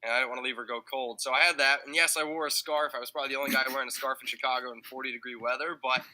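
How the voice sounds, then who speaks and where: A man guests on a sports podcast and talks players through at a fast clip. His tone is sharply bright and forward. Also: mid-range voice, steady tone, rough recording. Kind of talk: casual sports podcast chat.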